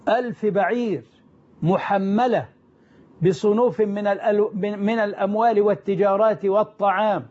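Guy w a really high voice retelling an old religious story, keeps repeating himself for emphasis, muffled lo-fi audio. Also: fairly even intonation, moderate pace, a little mellow. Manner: emphatic, repeats and rephrases lines for effect. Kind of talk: retelling early Islamic history. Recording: dull lo-fi recording.

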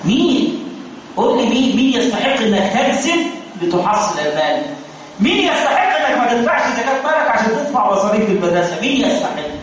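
An Egyptian man preaching a sermon, firing rhetorical repeated questions and mixing formal and colloquial speech. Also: extremely high pitch. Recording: very echoey, distant mic, faint noise.

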